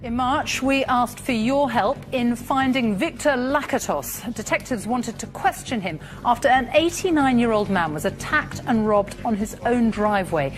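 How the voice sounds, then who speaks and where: Female news anchor, slightly high pitch, scripted, faint music. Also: normal speed, few pauses.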